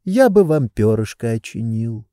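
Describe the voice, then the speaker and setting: A man voicing a meek, obliging male clerk who speaks softly and deferentially, in an audiobook reading. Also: medium pitch, very animated, a little slow, clear, resonant tone, dry recording, clean studio sound. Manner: soft, timid, deferential.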